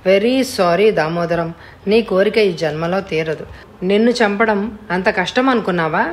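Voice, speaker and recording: A woman reading an audiobook voices a frightened young woman who pleads softly. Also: mid-range voice, a little slow, close to an everyday voice. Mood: earnest. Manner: soft, pleading. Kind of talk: audiobook character voice.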